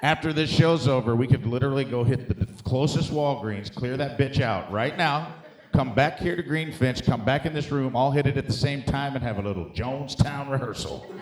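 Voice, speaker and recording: In an echoey live comedy room, a middle-aged American man delivers emphatic, profane stand-up straight to the audience, calling them guys and dude. He speaks at normal speed in a mid-range voice, keeping it conversational.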